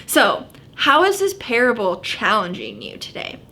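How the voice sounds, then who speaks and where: Upbeat woman youth pastor, higher-pitched voice. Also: huge pitch swings, unhurried, bright, forceful tone. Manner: casual, youthful phrasing with frequent "like". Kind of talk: youth sermon, conversational teaching.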